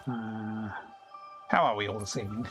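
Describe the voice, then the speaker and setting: Chatty Australian man streaming a game. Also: lowish voice. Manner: chatty and easygoing, chuckling often, chats with viewers. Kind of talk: casual live-stream chat while playing.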